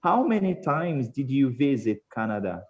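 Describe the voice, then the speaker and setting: Male Brazilian teacher, online class, slow and even, muffled lo-fi call audio. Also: medium pitch. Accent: Brazilian Portuguese. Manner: patient, spells out examples slowly. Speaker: English teacher.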